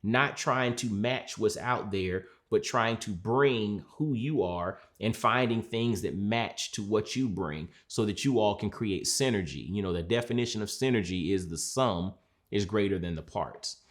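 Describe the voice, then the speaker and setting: Male mindset coach, lowish voice, earnest and measured, repeats key words for emphasis. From Georgia, USA. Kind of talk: reflective sit-down talk.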